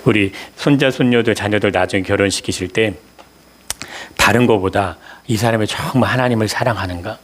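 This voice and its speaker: A man's voice: lowish voice, a little fast, fairly bright tone. A man preaching a Sunday sermon as pastor, asking the congregation questions, answering them himself and repeating key words for emphasis.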